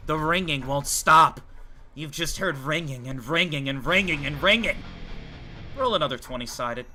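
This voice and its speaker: Game master guy narrating, high bright voice, faint music behind. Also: moderate pace.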